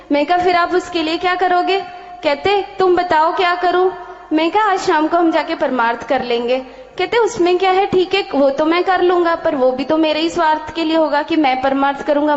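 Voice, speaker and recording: A woman with a high voice tells a personal testimony to a spiritual leader, acting out the exchanges in animated detail. Her voice rings through a large hall with a long echo. The sound is a little dull and muffled. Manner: animated storytelling with many quoted exchanges. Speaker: devotee sharing a testimony.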